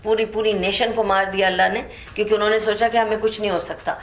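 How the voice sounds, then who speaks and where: A woman's voice: medium pitch, level tone. Woman teaching Quran commentary in an echoey room. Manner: explains in Urdu mixed with English words; recites verses slowly, then explains.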